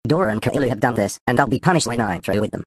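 Stern man scolding quickly. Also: mid-range voice, expressive, a little hiss or hum. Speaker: school principal. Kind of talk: cartoon voice acting.

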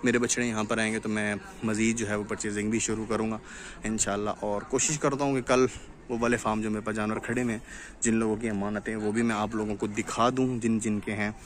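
Young man touring a farm, flat tone. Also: lowish voice, fast. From Pakistan. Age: young adult. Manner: explanatory, steady talk to viewers. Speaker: cattle farm vlogger. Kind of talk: casual walkthrough vlog. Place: outdoors at a farm construction site. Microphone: phone camera, selfie framing. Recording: outdoor noise from tractors and wind.

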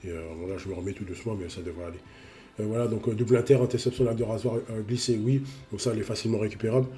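A man with a cold sniffles while reviewing a mobile game card casually, repeating himself and using lots of fillers. His voice is on the low side, mellow, fairly even in intonation, and rapid-fire.

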